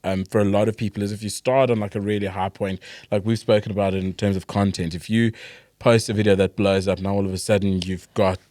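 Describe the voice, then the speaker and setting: A South African man co-hosting a casual podcast, relaxed and jokey, with many fillers. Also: on the low side, fast, no room sound, clean studio sound. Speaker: podcast co-host.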